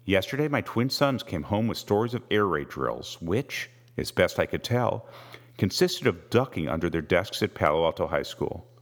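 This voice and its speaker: A man reading a first-person novel aloud with measured, wry storytelling. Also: low-pitched, very animated. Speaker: audiobook narrator. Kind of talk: scripted first-person narration.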